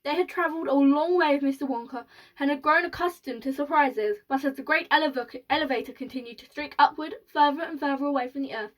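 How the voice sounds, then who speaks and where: A high-voiced woman reads a children's book aloud. She stumbles and restarts now and then, keeping a homemade storytelling feel. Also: fast, low-quality recording.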